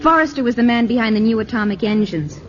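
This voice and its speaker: In a muffled vintage 1950s radio broadcast with crowd noise, an actress plays an eager, admiring young woman graduate who is enthusiastic and insistent. She talks fast in a slightly high voice that sounds close to everyday speech.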